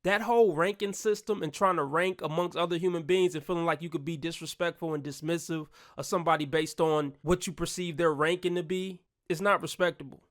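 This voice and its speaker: A man's voice: fairly high pitch, steady tone, brisk, hardly any pauses, fairly bright tone. A man hosting his own channel, giving blunt, profane opinion commentary in a ranting manner.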